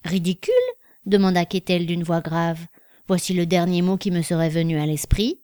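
A woman voicing a calm, perceptive old man in a storybook reading, speaking in a measured, gentle way. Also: fairly low pitch, clear, resonant tone, no echo, clean studio sound, natural voice. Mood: calm, grave.

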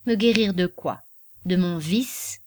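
A woman reading an audiobook, voicing a weary, melancholy young prince who speaks with quiet, bitter irony. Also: on the low side, takes it slowly, dry recording, clean studio sound.

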